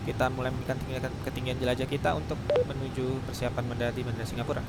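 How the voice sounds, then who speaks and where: A man's voice: mid-range voice, flat delivery, racing, very noisy. A man role-playing an airline captain on the cockpit headset, making radio calls and cabin announcements, hesitant and often correcting himself. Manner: hesitant, stumbling and correcting himself mid-call. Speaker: flight simulator player acting as airline captain.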